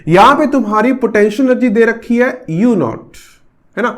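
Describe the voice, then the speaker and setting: A man's voice: extremely high pitch, expressive, moderate pace. A man in his thirties from India, teaching a physics lecture in a joking, teasing way and slipping English terms in. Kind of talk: classroom physics lecture with an anecdote.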